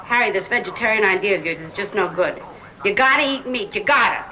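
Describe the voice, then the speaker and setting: An actress playing a brash, crude, mocking middle-aged American wife in a 1970s film drama. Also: female voice, mid-range voice, lively intonation, fast talker, sharp tone, lo-fi sound. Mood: bitter. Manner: brash, crude, mocking, swings between teasing and bitter. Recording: film soundtrack with clear background noise.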